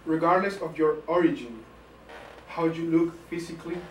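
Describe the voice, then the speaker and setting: Casting note: fairly high-voiced male host, earnest, echoey distant mic. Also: normal speed, a little hiss or hum. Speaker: interview host, editor. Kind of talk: scripted opening then interview questions.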